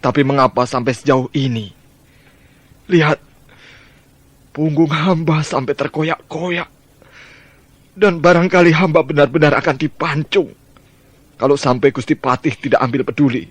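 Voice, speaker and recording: A man's voice: on the high side, fairly even intonation, moderate pace, pauses often, dry recording, lightly acted. A man playing a sobbing old groveling servant. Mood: anxious. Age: older. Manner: whining, begging, sobbing. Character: old male servant, groveling, fearful, pleading. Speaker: servant of the minister.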